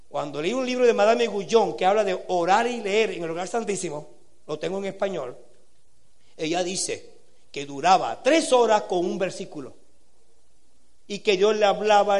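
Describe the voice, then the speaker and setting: A man preaching a sermon to young people, earnest, asking rhetorical questions and swinging between quiet and loud passages. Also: sits high. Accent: Latin American Spanish.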